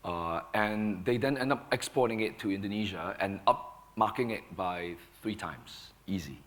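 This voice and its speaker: A hoarse man with a sore throat, speaking on a conference panel and explaining points in a measured, firm way. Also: on the low side, a bit bright. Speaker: panelist, company founder. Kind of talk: panel discussion.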